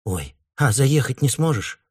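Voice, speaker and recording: A man's voice: medium pitch, big pitch swings, a little slow, husky, pitched above the performer's own voice. A man voicing an older mother, a pensioner who fusses, scolds and teases her daughter. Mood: fussing. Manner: fussy, scolding, teasing. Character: chatty grumbling older woman, a pensioner mother.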